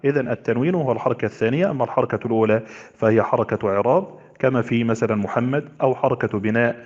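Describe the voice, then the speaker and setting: A man's voice: mid-range voice, rapid-fire, darkish tone. A man giving a recorded Arabic grammar lecture, explaining step by step and asking and answering his own questions. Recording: lo-fi audio with long reverb.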